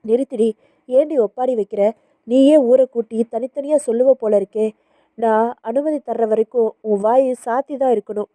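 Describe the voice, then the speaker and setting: A woman voicing a grieving older father who speaks gently but can turn commanding, in a storybook reading. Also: very high voice, steady tone, moderate pace, dry recording. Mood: stern.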